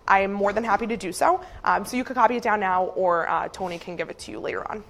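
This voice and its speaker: A woman gives friendly resume advice to a class, with lots of fillers between her points. Her voice sits at a middle pitch and talks in a relaxed, helpful way. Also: fast talker, creaky, background noise. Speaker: career advisor speaking to students. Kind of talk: classroom presentation.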